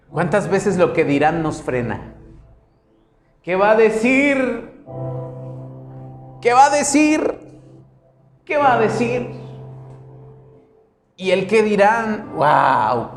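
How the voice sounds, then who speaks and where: A male pastor delivering a dramatic sermon, swinging between loud, quick bursts and quiet, slow passages. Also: high voice, reverberant. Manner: dramatic preaching with wide swings in loudness and pace.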